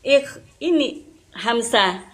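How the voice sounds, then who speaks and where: Woman, Indonesian accent, very slow, hesitant, deferential, recitation student. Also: fairly high pitch, lively intonation, a bit bright. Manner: hesitant, deferential, says "Ustaz" often. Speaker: adult student in recitation class. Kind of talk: reciting and answering a teacher.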